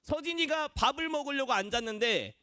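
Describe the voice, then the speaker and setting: A man's voice: very high-pitched, animated, brisk, pushed and bright, no room sound, clean studio sound. A young man, a junior pastor, preaching a children's sermon in a church classroom, quizzing the kids and acting out voices. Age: young adult.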